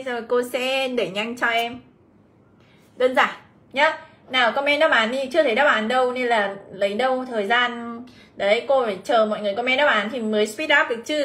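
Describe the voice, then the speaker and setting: Her voice is fairly high, pushed and bright as this young woman runs a livestreamed English exam review. Chatting away, she says hello to viewers, reads their answers and comments aloud, and addresses the class as "mọi người."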